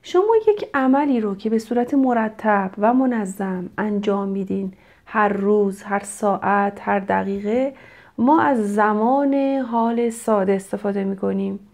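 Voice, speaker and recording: A middle-aged woman from Iran teaching French grammar, explaining in Persian and reading French examples slowly and clearly. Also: medium pitch, a little mellow. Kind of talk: grammar lesson.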